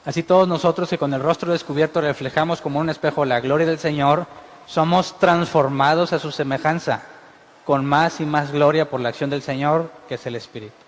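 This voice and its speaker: A man's voice: on the high side, fairly even intonation, brisk. A man preaching a sermon as pastor, firing rhetorical questions at the congregation. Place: church hall. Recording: long hall reverb.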